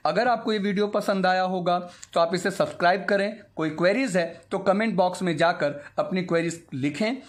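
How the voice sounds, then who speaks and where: A young man teaching a grammar lesson in a high voice. He is patient and methodical, repeating each word aloud to model its sound. He slips English phrases into his explanation as he goes. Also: fairly quick, few pauses.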